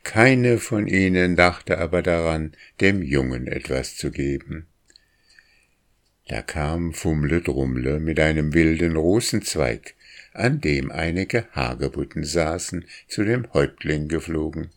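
A man reading a children's storybook aloud in a measured narrating voice. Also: very deep voice. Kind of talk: audiobook narration.

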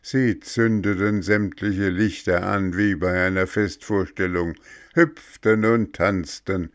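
A man reading a children's storybook aloud in a measured, calm manner. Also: sits low, dry recording, clean studio sound.

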